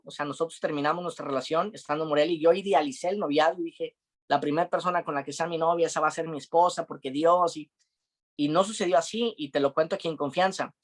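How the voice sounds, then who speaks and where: A young man giving an earnest, confiding devotional testimony, with frequent fillers. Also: on the high side. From Mexico. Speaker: preacher.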